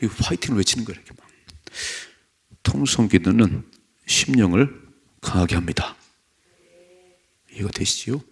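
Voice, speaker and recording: Gravelly-voiced male pastor preaching. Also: lowish voice, expressive, moderate pace, pauses often. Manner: swings between loud emphatic preaching and hushed asides. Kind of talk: dawn prayer sermon.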